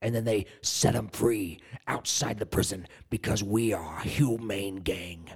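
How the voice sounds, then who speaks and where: A man's voice: on the low side, a little slow, creaky, husky. A man co-hosting a podcast, doing an improvised comedy bit with rambling, mock-menacing tough-guy talk. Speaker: podcast co-host.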